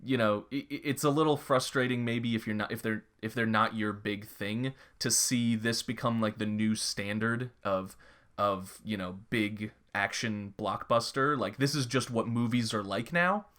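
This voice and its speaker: A young man co-hosting a podcast chats loosely and casually, rambling, restarting his sentences and using lots of filler as he thinks out loud. His voice is fairly low in pitch and a bit bright, at a normal speed.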